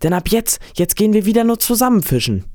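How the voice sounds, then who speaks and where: A man's voice: high-pitched, sing-song, fast, darkish tone, no echo, studio quality, pitched above the performer's own voice. A man reading a storybook aloud, voicing a loyal, tearful young fisher boy in a raised, earnest tone.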